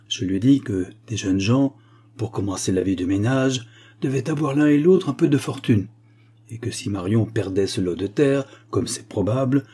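A man's voice: mid-range voice, warm tone, slightly rough, pitched above the performer's own voice, lightly acted. A man playing a sly, greedy old village man with a wheedling manner.

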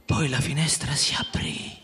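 A man narrating a children's story in a measured storytelling manner for a radio reading. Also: fairly high pitch, fairly even intonation, pushed and bright, in a large hall, soft background music.

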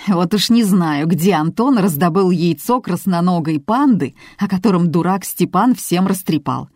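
A woman's voice: lowish voice, expressive, moderate pace, darkish tone, dry recording, clean studio sound. A woman voicing a mocking, scoffing man, a husband in the family, in an audiobook reading.

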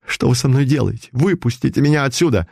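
A man reading a story aloud and voicing a frightened young captive woman in a high, pleading voice. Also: lively intonation, quick pace, gravelly, darkish tone, slightly rough, no echo, clean studio sound. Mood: terrified.

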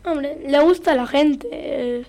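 Brief: woman, quite high voice, lively storyteller in a casual radio chat. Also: slow pace.

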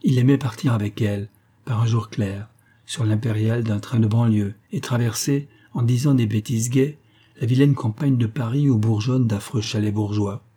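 A man reads a classic novel as an audiobook, his storytelling measured and even. His voice is medium in pitch and husky.

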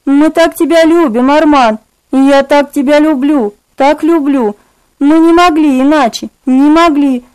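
A woman voicing a tender young woman who pleads softly and breathlessly in an audiobook reading. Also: high voice, a little slow, no room sound, voice pushed up, poor audio. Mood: adoring. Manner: soft, imploring and breathless.

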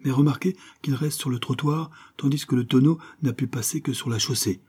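A sharp, self-assured detective, as a man reads him aloud in an audiobook, laying out his reasoning briskly. The voice sits higher than the narration, with a husky grain and a mellow tone. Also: natural voice. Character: keen, confident adult male detective. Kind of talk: audiobook character reading.

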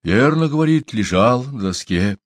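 A man voicing a sly, boastful old male shaman who shouts and chants. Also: mid-range voice, animated, moderate pace, no room sound, lightly acted. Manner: shouting, sing-song chanting.

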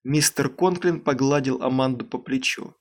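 A man narrating an audiobook in a steady, measured storytelling manner. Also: medium pitch. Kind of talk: scripted narration.

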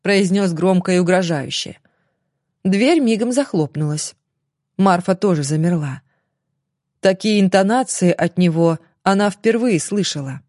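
A woman narrating an audiobook in an expressive, dramatic reading. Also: on the low side, unhurried, no room sound, studio quality. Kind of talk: scripted narration.

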